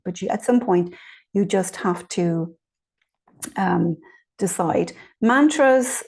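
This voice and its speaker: Mellow-voiced woman teaching informally. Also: mid-range voice. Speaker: spiritual teacher answering participants' questions. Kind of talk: informal guided teaching on meditation.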